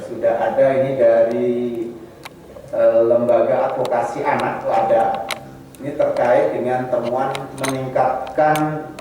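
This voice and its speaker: A man's voice: medium pitch, dark tone. Man moderating from far off in an echoey room. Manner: halting, many fillers, reads out chat questions. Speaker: forum moderator. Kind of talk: moderating a public consultation forum. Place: meeting room, heard from a distance. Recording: distant echoey room mic with faint noise.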